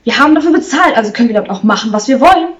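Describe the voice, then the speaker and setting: A woman voicing a manic wife who smashes furniture with an axe, shrill and mocking. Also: lively intonation, a little fast, close to an everyday voice. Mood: taunting. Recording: slightly distant, muffled recording.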